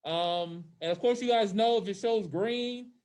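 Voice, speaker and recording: At a measured pace, a man with a high, somewhat mellow voice teaches high school social studies through a slightly muffling face mask. His students are both present and online, and he talks informally, frequently checking that they understand.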